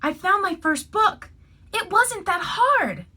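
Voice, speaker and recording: A woman teacher with a very high voice takes it slowly while reading a picture book to young children. She reads with expression and a teaching touch, tossing in casual remarks.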